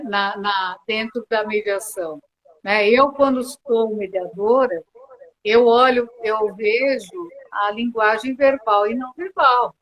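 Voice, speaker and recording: A woman's voice: a little high, poor audio. A Brazilian woman mediator answering interview questions earnestly, often restarting with hesitant fillers, on a video call. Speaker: mediator and guest.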